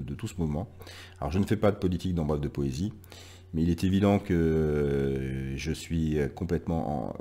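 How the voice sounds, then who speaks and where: Very deep-voiced French man reading poems. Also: dark tone. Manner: hesitant, many "euh" fillers and restarts in talk; drops to near whisper at phrase ends. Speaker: poetry show host and reader. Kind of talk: casual spoken intro, then poetry reading.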